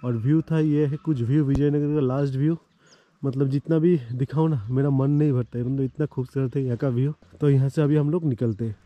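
A man with a mid-range, steady voice talks a little fast while narrating his motorcycle trip through the mountains. The casual vlog narration is full of fillers, and the lo-fi recording carries slight background noise.

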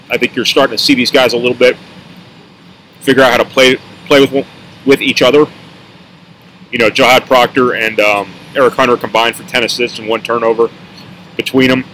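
Bright-voiced man giving post-game analysis. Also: mid-range voice, a little hiss or hum, low-quality recording. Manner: rambling, self-correcting, dry asides. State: talking with a mint in his mouth. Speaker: sports reporter.

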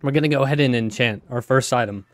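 Guy with a raspy worn-out voice chatting through a game, dry close mic, mid pitch. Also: fast, no room sound. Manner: chatty, easily surprised exclamations. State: raspy, voice giving out. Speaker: gaming channel host. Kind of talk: casual Let's Play commentary.

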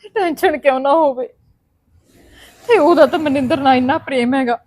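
A woman's voice: sits high, fairly quick, a little mellow, close to an everyday voice. An actress playing a grief-stricken mother who is crying and pleading as she laments her missing daughter. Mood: anxious. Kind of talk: Punjabi family drama acting.

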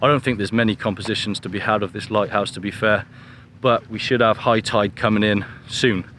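A man's voice: lowish voice, brisk. A man in his thirties vlogging to camera outdoors on a beach, talking casually and with some self-deprecation. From England. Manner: relaxed, chatty, self-deprecating. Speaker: photography vlogger. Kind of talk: casual vlog talk to camera. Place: open beach outdoors at sunset. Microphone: camera-mounted mic, held at arm's length. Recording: faint outdoor noise.

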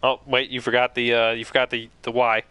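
A man's voice: mid-range voice, completely flat delivery, a little fast, smooth, dry recording. A man giving live commentary while streaming a horror game, chatting with viewers and breaking into startled exclamations. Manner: jumpy, exclaims loudly when startled.

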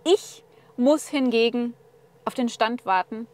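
A woman's voice: fairly high pitch, slow, a little mellow. A woman presenting a car walkthrough from inside the car, talking to viewers in a chatty, upbeat way. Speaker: car reviewer.

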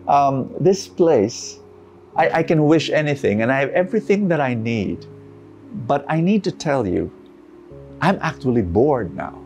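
This is a selfish man in a spoken parable voiced by a male preacher, his voice leaping up high as he stammers out wish after wish. He sounds demanding and eager, and his pitch swings widely while he talks. Soft guitar music plays faintly underneath. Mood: bored, miserable. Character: selfish greedy man, excitable then desperate.

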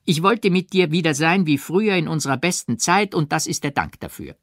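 A man's voice: high voice, animated, normal speed, no echo, clean studio sound, pitched above the performer's own voice. A man voicing a young woman's exasperated cries. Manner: exasperated, evasive outbursts. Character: upset, defensive young woman lover.

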